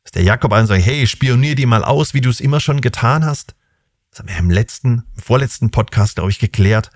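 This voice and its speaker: Husky man giving a Bible talk. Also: mid-range voice, lively intonation, a little fast, no room sound, clean studio sound. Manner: reflective, asks rhetorical questions. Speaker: preacher hosting a Bible podcast. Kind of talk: casual Bible teaching monologue.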